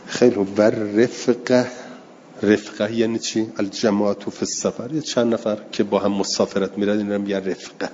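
Man, religious teacher, low mellow voice, slow reading then plain explanation, dull recording, faint noise. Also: level tone, long reverb tail. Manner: reads passages slowly, then explains them plainly; answers students' questions. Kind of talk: classroom text lesson.

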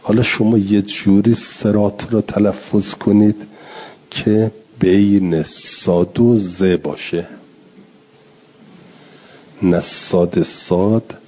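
Deep husky man teaching recitation. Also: fairly even intonation, warm tone. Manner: explains slowly, drawing out Arabic words to demonstrate pronunciation. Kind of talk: classroom lecture on Quran readings. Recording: dull lo-fi recording.

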